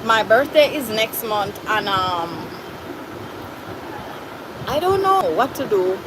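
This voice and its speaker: A woman with a Jamaican accent takes her time reading viewer comments during a casual livestream, animated and chatty, with Patois phrases slipping in. Her voice is fairly high, set against background noise.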